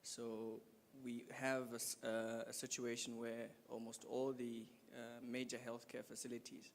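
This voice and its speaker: A man from Zambia, a healthcare developer, speaking in a measured, steady way from the conference floor. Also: mid-range voice, slight background noise. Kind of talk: audience comment at panel. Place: conference hall. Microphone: handheld audience microphone. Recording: hall reverb, faint ambience.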